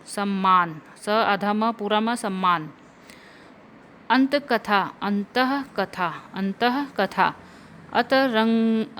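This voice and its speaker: A woman's voice: medium pitch, fairly bright tone, a little hiss or hum. A woman teacher going through Hindi spelling corrections, spelling out words letter by letter.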